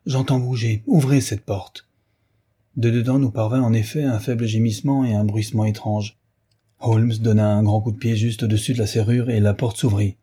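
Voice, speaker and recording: A man narrates a novel in a grave, measured style. His voice is low and very dark, with a husky edge. The delivery is steady scripted storytelling. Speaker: audiobook narrator.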